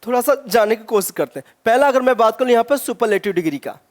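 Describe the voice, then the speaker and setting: A male English teacher giving an exam-prep grammar lesson, asking many rhetorical questions and saying his example words slowly with stress. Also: very high voice, animated.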